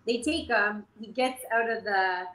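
A woman in her forties from Canada, a jockey guest telling stories in an animated, casual way full of fillers. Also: medium pitch, unhurried. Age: 40s. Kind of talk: casual interview storytelling. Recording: echoey room, faint noise.

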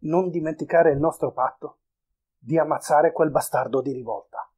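A man reading aloud, voicing a young soldier who shouts in despair and later fades to a faint, broken voice. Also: on the high side, normal speed, husky. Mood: faint dying. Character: young male soldier, desperate then dying.

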